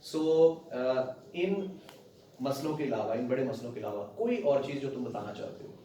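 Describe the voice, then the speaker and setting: A male doctor examining a patient at the bedside, gently coaxing and repeating his instructions and praising the patient. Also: medium pitch, very animated, moderate pace, slight background noise. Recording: very echoey ward, distant, crowd behind.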